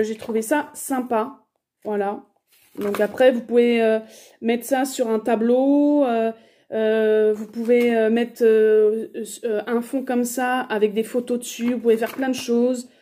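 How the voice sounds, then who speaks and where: A woman's voice: fairly high pitch, mellow. A woman in her thirties chatting casually through a shopping haul, hesitant and full of fillers. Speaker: haul vlogger.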